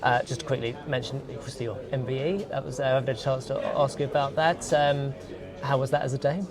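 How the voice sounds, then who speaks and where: A man's voice: medium pitch, fairly even intonation, brisk, music in the background. A man interviewing a sports guest at an event, asking short questions with "uh" and "um" fillers. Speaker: podcast interviewer. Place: busy media event. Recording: loud crowd in background. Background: loud crowd.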